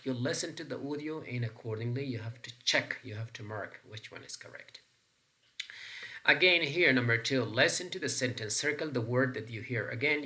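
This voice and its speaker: A man's voice: medium pitch, sharp tone. A man with an Afghan accent teaching an English pronunciation lesson, explaining step by step with frequent fillers and restarts. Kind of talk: recorded classroom lesson.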